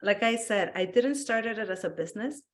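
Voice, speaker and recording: A woman's voice: fairly high pitch, moderate pace. A woman from Peru, a guest in a casual interview chat, telling stories with animation, acting out quotes and laughing often. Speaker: guest, wellness business owner.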